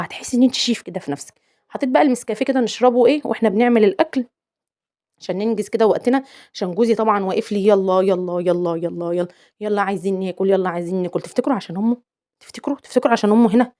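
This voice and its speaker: A young adult Egyptian woman with an Egyptian Arabic accent narrates the voice-over for her chatty home cooking vlog. Her mid-range voice is warm, and she's playful and teasing, repeating words for emphasis.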